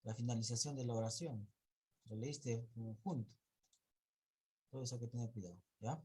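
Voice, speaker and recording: A man's voice: mid-range voice, normal speed, warm tone, slightly rough. A man teaching an online class, going over pupils' reading mistakes and counting errors aloud.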